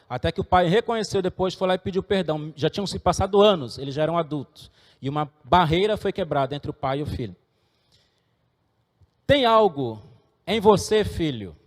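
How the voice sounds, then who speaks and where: A man's voice: a little high, big-room sound. A middle-aged man, preaching a sermon and earnestly exhorting his congregation. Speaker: pastor.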